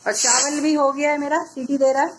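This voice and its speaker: A woman's voice: high voice, fairly even intonation, a little fast. A woman in her thirties vlogging about her housework in a casual, chatty way, explaining each chore step by step. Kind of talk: casual home vlog narration.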